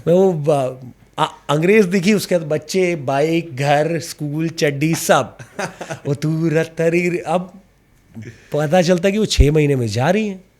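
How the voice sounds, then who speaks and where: Animated man telling stories. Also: a little high, slow pace. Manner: animated anecdotes, mixing in English, slight stammer. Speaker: actor, podcast guest. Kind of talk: casual storytelling interview.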